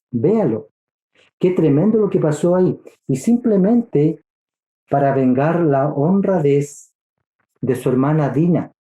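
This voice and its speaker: Earnest man teaching scripture, dark echoey voice. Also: a little high. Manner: earnest, repeats and restarts phrases, addresses listeners as brother. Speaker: Bible study teacher. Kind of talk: Bible study teaching.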